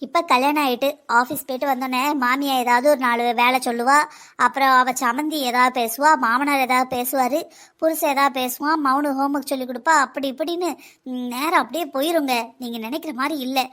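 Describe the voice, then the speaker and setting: A woman with a southern Tamil accent voicing a patient wife in a cartoon, talking slowly and persuasively. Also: sits high. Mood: reassuring. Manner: slow, calm, persuasive. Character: patient wife calmly reassuring her husband. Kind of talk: cartoon dialogue.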